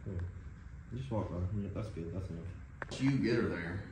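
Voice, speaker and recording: Low-voiced dog trainer in echoey room. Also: male voice, moderate pace, noisy background. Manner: relaxed, explanatory, lots of "like" and "right?". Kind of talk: casual instruction. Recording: very echoey room, mic at a distance.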